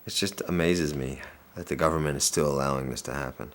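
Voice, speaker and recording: An actor playing a soldier with a dark sense of humor, bitter and profane. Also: male voice, extremely low pitch, quick pace. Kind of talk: dramatic monologue.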